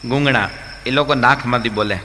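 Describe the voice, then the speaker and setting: A man's voice: medium pitch, fairly quick, pushed and bright. A man, a swami, telling funny stories in a religious discourse, chatty and asking the audience questions. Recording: echoey hall, faint background hum.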